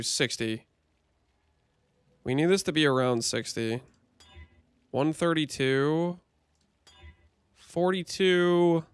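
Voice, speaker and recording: A man's voice: fairly high pitch, clean tone, no echo. A man on a livestream headset mic, chatting and joking as he thinks aloud through gameplay commentary.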